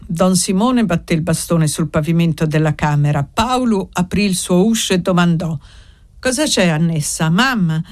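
A reader narrating a classic novel in a measured, deliberate way with dramatic pauses. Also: medium pitch, darkish tone, dry recording. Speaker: audiobook reader. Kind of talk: literary audiobook narration.

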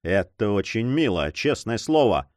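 A man voicing a stern, seasoned male buccaneer captain in an audiobook, proud and quick to anger. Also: on the low side, sing-song, dry recording, studio quality. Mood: scornful.

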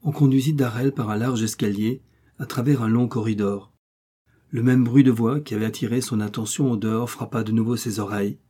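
A man narrating a novel as an audiobook in a steady, measured reading. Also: medium pitch, slightly rough. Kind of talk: scripted narration.

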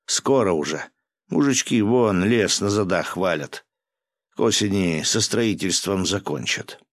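A hard-drinking provincial governor barks and scolds in a gruff storybook voice, as a male reader plays him. The voice is very deep and commanding. It sounds close and dry, with no room around it. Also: expressive, measured pace, dry recording.

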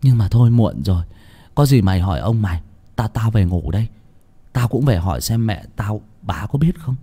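A man's voice: fairly low pitch, lively intonation, moderate pace, warm tone, slightly rough. A man voicing a cheeky, blunt young village lad who talks brashly and teasingly. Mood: curious.

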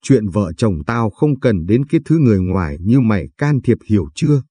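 A man's voice: on the low side, big pitch swings, a little fast, mellow, slightly rough, no room sound. A man reading the part of a brash young husband who swears and bullies. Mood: threatening. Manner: coarse, swearing and bullying.

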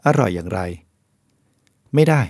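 A man's voice: a little slow, darkish tone, dry recording, studio quality. A man, a Buddhist monk, reading a book of essays aloud in a plain, explanatory way and speaking directly to the listeners.

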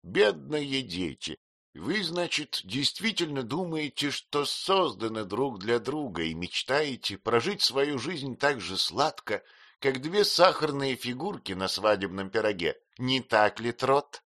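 A man reading an audiobook, voicing a blunt, fond elderly great-aunt who speaks in brisk exclamations. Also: mid-range voice, very animated, bright, forceful tone, no echo, clean studio sound, voice pushed up, heavily acted. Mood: wistful. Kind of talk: audiobook character voice.

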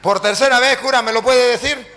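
A man's voice: high-pitched, lively intonation, moderate pace, bright, forceful tone, long reverb tail, heavily acted. Man doing a smug taunting pastor. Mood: challenging. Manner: taunting questions. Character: mocking evangelical male pastor, smug and pushy.

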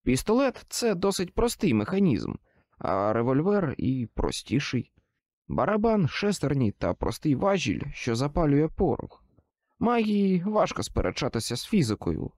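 A man narrating an audiobook in the first person, with expressive, dramatic storytelling. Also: on the high side, normal speed, dry recording.

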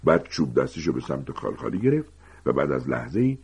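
A man narrating an audiobook with expressive storytelling. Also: a bass voice, husky. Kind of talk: audiobook reading. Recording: dull lo-fi recording.

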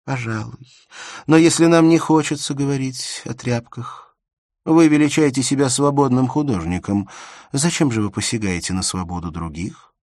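A man's voice: mid-range voice, moderate pace, a little mellow, no echo, studio quality, voice pushed up, natural voice. A man reading aloud voices a serious young woman who asks pointed, cool questions.

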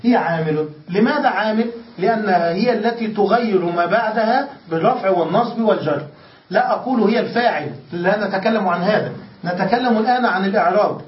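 A man's voice: high voice, fairly quick. A man teaching a grammar lesson in a classroom style, asking questions and answering them himself. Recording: echoey, distant, dull lecture recording with faint hiss.

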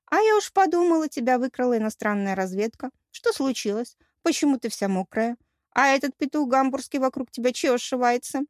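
A woman voicing a sharp-tongued, hot-tempered young goddess who scolds in a sarcastic, shrill way. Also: lively intonation, fairly quick, no room sound, studio quality.

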